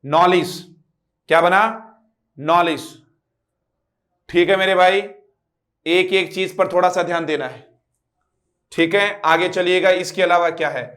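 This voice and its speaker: In an online English lecture, a man with a high, slightly bright voice speaks in a steady tone, a little slowly, with long pauses. He spells out words letter by letter, repeats them, asks students to repeat, and poses rhetorical quiz questions.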